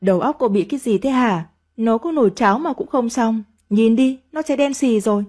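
A woman voicing a bitter elderly mother-in-law who scolds her daughter-in-law in shrill, nagging tirades. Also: expressive, a little fast, darkish tone, lightly acted. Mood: scolding.

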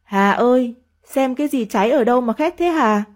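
A woman voicing a bitter elderly mother-in-law who scolds her daughter-in-law in shrill, nagging tirades. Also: lively intonation, normal speed, close to an everyday voice. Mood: scolding.

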